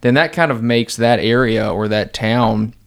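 A man's voice: medium pitch, a little slow, gravelly, clear, resonant tone. A man hosting a casual podcast interview, laid-back and rambling with many fillers. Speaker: podcast host.

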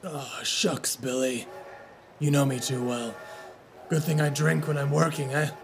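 A man's voice: fairly high pitch, fairly even intonation, a little slow, gravelly, noisy background. A man voicing a confident, wry male mouse adventurer. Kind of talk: audio drama acting.

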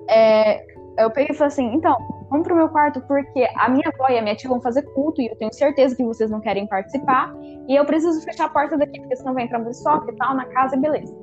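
Young female host, high and quick, chatty storyteller; lo-fi recording. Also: faint music behind. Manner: animated, lots of fillers and quoted dialogue. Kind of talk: casual storytelling chat with friends.

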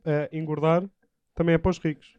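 A man with a light, high voice, chatting casually on a podcast. He is playful and teasing. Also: level tone, brisk, darkish tone, clear, resonant tone, muffled recording. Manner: playful, jokey, slips into mock accents.

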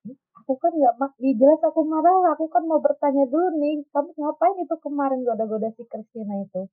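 A woman's voice: a little high, animated, a little fast. A woman playing a jealous wife and mother who scolds her husband, in an amateur skit. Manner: scolding, nagging. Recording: tinny phone-like lo-fi sound.

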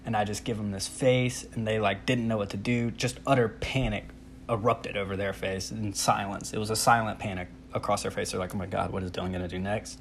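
A young man telling a comic personal story in a casual, animated, self-deprecating way, acting out his own reactions. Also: lowish voice, brisk, vocal fry, a little hiss or hum.

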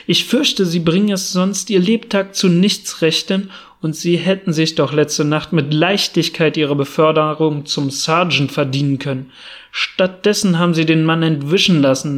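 A brisk, sharp-witted detective with an impatient, commanding manner, read aloud by a man. His voice sits a little high for a man, and the delivery is that of an audiobook character reading. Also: natural voice. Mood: lecturing.

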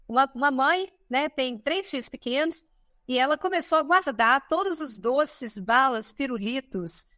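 A Brazilian woman in her thirties, appearing as a podcast guest, chats casually in a high, bright voice. She's lively and talkative, dropping in quick asides and confirming tags. The audio is close and dry, with no room echo.

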